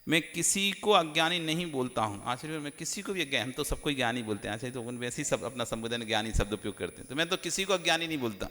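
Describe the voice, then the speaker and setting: A man, a monk, giving a sermon, questioning the audience directly, with a lively swing between loud and hushed delivery. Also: medium pitch, fast talker, few pauses. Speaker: Jain monk preacher. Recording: long hall reverb.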